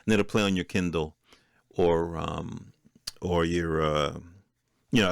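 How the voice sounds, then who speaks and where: In a loose solo monologue for his podcast, a man with a low, slightly bright, clean voice speaks in colloquial street talk laced with profanity. There's no echo; it's clean studio sound.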